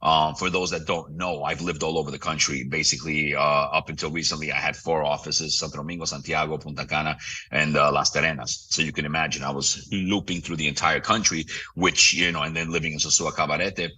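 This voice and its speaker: Man, very deep voice, rapid talk, bright tone, husky, heard from a distance. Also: steady tone. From Romania. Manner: fast-talking, opinionated. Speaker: real estate broker, guest. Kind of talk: casual interview talk.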